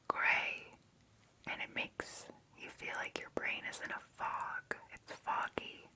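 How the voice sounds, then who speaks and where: In a small, cozy room, an ASMR performer in her twenties plays a therapist, whispering gently and slowly. Her close ASMR mic sits just out of frame.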